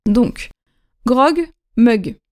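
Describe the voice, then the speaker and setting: A woman hosting a language-learning podcast, teaching pronunciation slowly and clearly, repeating key points and checking in with the listener. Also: a little high, animated, darkish tone. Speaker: podcast host and French teacher. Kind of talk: slow, clear teaching talk.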